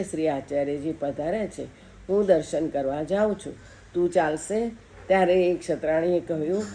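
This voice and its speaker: A middle-aged woman reading a devotional story aloud in a steady, plain voice, lightly voicing the characters. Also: sits low, a little hiss or hum.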